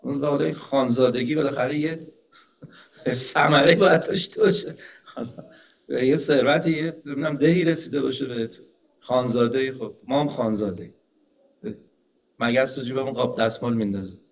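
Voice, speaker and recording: A man giving a conversational religious lecture who tells stories, asks rhetorical questions and slows down to recite scripture. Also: medium pitch. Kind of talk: Persian religious lecture with storytelling.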